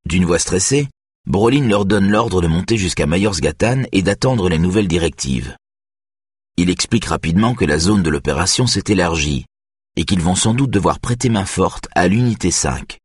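A man narrating an audiobook thriller in a steady, measured way. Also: low voice, husky, no echo, studio quality.

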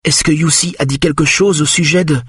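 A man's voice: fairly high pitch, fairly even intonation, a little fast, a bit bright, slightly rough, no echo, studio quality, voice pushed up. A man voicing an anxious middle-aged mother who urgently pleads with a patient at a bedside, in an audiobook. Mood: urgent pleading.

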